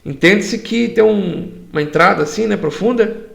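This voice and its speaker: A man's voice: high-pitched, moderate pace, gravelly, fairly bright tone. A man teaching a church Bible study, explaining words through rhetorical questions.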